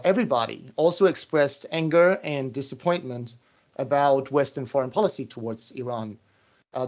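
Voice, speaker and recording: A male interviewer with an ordinary mid-pitched voice sets up long, carefully framed questions for his guest. He speaks deliberately, recounting what he saw and heard before handing over the floor.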